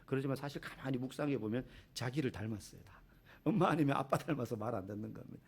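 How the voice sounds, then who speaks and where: A man with a husky, medium-pitched voice speaks fast as he preaches a sermon as a pastor in a church. His style is conversational: he asks the congregation questions and acts out quotes.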